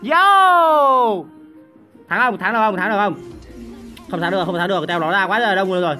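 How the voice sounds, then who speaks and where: A young man streams a game, his voice high-pitched, bright and sharp. He talks in quick bursts of repeated words and grumbles at his teammates. Faint game music plays behind him. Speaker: gaming streamer. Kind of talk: excited gameplay commentary.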